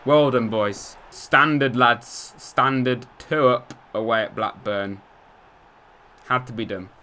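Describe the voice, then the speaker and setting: A young English man giving casual commentary over a football video game, chatty, muttering asides and cheering loudly at goals. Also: fairly low pitch, slow pace, clear, resonant tone. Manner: chatty, swings between mumbled asides and excited shouts at goals. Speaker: gaming youtuber. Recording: light music behind.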